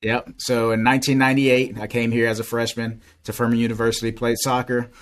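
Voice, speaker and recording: A man in his forties, from the Bahamas and raised in Florida, co-hosting a podcast and talking in a measured, reflective way. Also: mid-range voice, flat delivery. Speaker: podcast co-host. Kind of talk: casual podcast conversation.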